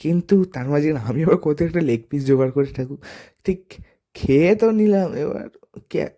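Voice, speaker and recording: Hoarse young man vlogging casually. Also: fairly high pitch, brisk, dark tone. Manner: chatty, addresses viewers as guys. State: hoarse from the cold. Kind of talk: casual vlog chat.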